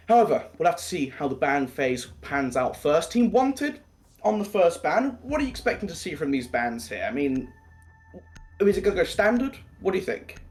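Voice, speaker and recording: A man casting a live esports match, chatty and prone to tangents. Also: a little high. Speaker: esports caster.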